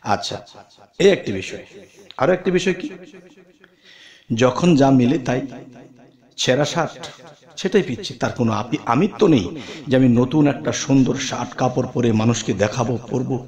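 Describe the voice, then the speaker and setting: A man giving an earnest religious talk, lifting his voice on questions and then dropping low and soft. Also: moderate pace, long pauses, reverberant. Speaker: preacher.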